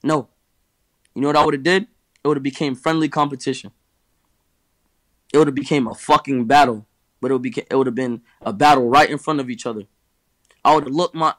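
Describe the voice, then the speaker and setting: A nineteen-year-old rapper guest, still in his teens, talks candidly, emphatically, and profanely, repeating himself and ending lines with "bro." His voice is on the high side and fairly bright, with no echo.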